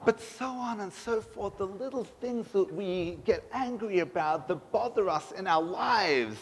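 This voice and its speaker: A man's voice: sits high, lively intonation, a little slow, husky. A man giving a sermon as a rabbi, preaching emphatically with rhetorical questions in a synagogue. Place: synagogue sanctuary. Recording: echoey synagogue hall.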